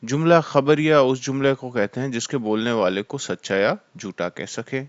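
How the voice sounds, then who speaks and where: A man teaching Arabic grammar in a lecture, explaining terms slowly and mixing in English words. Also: mid-range voice, dry recording, muffled recording. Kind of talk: classroom lecture.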